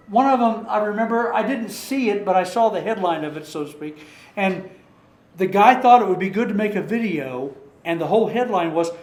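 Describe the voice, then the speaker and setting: A man leading a church study group in casual, rambling talk, restarting sentences and asking the group rhetorical questions. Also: high voice. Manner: rambling, with frequent restarts and repeated words. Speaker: Bible study leader. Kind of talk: informal Bible study talk. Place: church meeting room. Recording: echoey room recording.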